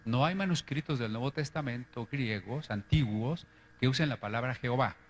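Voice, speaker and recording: A man's voice: medium pitch, moderate pace. A man lecturing on the history of Bible translations, explaining step by step and often checking in with his listeners.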